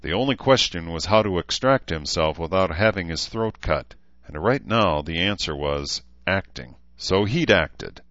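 A man narrating an audiobook in steady, even storytelling, in a slightly muffled recording. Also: sits low, measured pace, no room sound. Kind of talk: scripted narration.

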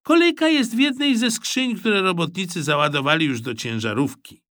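A man voicing an excitable, stubborn young boy who argues insistently. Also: high voice, normal speed, no room sound, studio quality, voice pushed up. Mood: explaining. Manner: pleading, insistent.

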